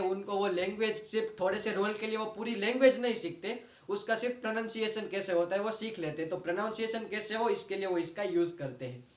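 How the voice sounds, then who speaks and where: High-voiced Indian man teaching pronunciation. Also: roomy sound. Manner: patient, repeats words slowly to model sounds. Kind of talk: online lesson explaining dictionary pronunciation.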